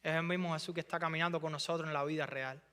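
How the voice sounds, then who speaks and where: A male pastor preaching a sermon with fervor, his voice climbing toward near shouting at the peaks. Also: fairly high pitch, fairly even intonation, very fast, clear, resonant tone. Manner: impassioned preaching, rising to near shouting at climaxes. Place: church sanctuary. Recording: live church hall with reverb and soft music.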